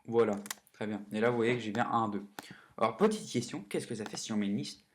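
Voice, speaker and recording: Male tutorial host, mid pitch, loose chatty delivery with self-corrections; faint hiss and typing under the voice. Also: fairly quick. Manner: chatty, many fillers and self-corrections, joking asides. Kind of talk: casual screen-recorded coding lesson.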